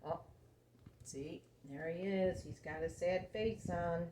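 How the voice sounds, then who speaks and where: Reading a picture-book story to small children, a woman speaks in a steady, mellow voice on the low side, taking her time. Her telling is simple, expressive and animated, with questions aimed at the listener, captured with roomy echo and a faint background hum.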